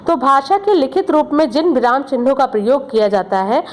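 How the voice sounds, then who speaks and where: A woman's voice: sits high, a little fast. A woman teaching a grammar lesson to children, explaining step by step, repeating examples and checking in often.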